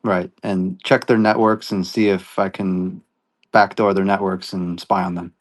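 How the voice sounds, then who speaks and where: A man's voice: sits low, little pitch movement, unhurried. A man chatting casually in a joking, sardonic way. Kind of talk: casual chat.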